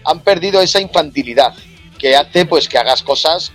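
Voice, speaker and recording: A man's voice: fairly high pitch, expressive, normal speed, a bit bright, soft background music. A man in his forties with a Spain Spanish accent, a singer talking as a podcast guest in a frank, colloquial and jokey way. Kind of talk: casual music chat.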